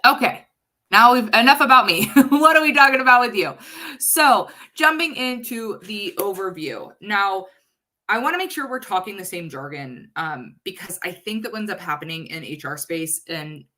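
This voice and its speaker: A woman in her thirties from the US West Coast, an HR consultant giving a casual, chatty webinar with a sarcastic streak. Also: medium pitch. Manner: chatty and sarcastic, lively swings in loudness.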